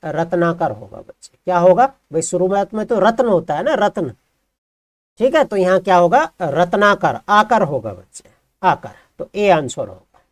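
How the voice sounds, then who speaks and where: A man's voice: high voice, sing-song, moderate pace, no room sound. Dry, patient male Hindi teacher. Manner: explains patiently, asks the class questions and answers them himself. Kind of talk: classroom grammar lesson.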